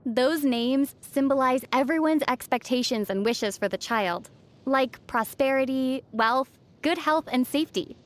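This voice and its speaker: A woman playing a young female adventurer in a video game, gentle and playfully wry in manner. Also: high-pitched, a little slow. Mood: calm, thoughtful. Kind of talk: game voice acting. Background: faint background music.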